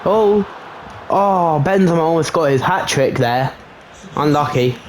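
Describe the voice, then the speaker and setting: A young man casually commentating his own football video game match, chatty and self-mocking, getting excited at goals. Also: a little high, normal speed, slight background noise. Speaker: gaming channel host.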